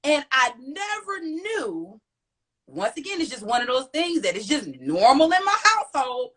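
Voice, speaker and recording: A woman from the US hosting a casual family chat, animated and laughing often as she tells stories. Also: sits high, moderate pace. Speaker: host.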